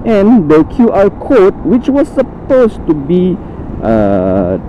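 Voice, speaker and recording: A man talking casually while riding a motorcycle, speaking inside a full-face helmet, rambling with halting restarts and fillers. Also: high voice, wildly swooping pitch. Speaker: motovlogger reviewing a helmet. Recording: muffled lo-fi audio with road and wind noise.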